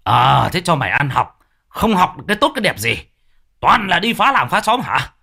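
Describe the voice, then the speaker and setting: A man's voice: on the low side, very animated, brisk, bright, forceful tone, exaggerated voice. A man voicing a hot-tempered middle-aged village father who scolds and curses his son. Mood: furious. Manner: scolding, cursing.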